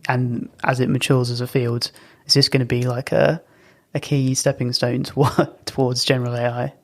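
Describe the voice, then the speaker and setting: A man's voice: medium pitch, level tone, normal speed. A man, a podcast host, asking questions in a casual, conversational style. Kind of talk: casual interviewing.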